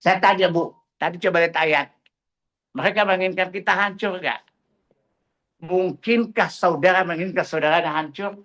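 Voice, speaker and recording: A man's voice: high voice, steady tone, moderate pace, fairly bright tone. A middle-aged man preaching in a religious study class, firing rhetorical questions at his listeners in a mocking, combative manner.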